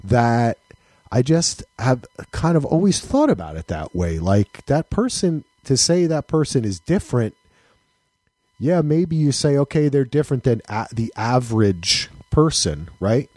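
Animated husky-voiced man on a podcast. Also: mid-range voice, measured pace, no echo. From United States. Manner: animated, swearing, laughing, restarts. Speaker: podcast co-host. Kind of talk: casual podcast chat.

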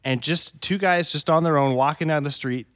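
A man co-hosting a casual podcast chat, telling anecdotes in an animated way and acting out the key moments. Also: fairly high pitch, moderate pace, no room sound. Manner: animated storyteller, acts out the moments. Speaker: podcast co-host.

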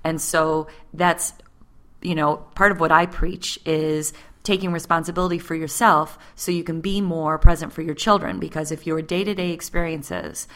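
This podcast co-host, a woman in her late thirties, talks casually with frequent fillers. She has a low, fairly bright voice, fairly even intonation, and a moderate pace.

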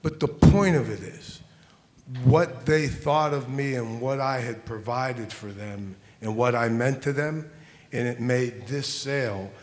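A man in his sixties, a financial advisor on a conference panel, telling an earnest story, often restarting and repeating words as he acts out conversations. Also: medium pitch. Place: conference hall. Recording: long hall reverb.

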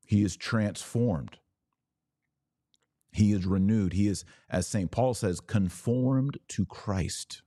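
An American podcast host answers viewer comments, explaining religion informally and emphatically, asking rhetorical questions and answering them himself. His voice is fairly low, slow, and warm, recorded with clean studio sound and no echo.

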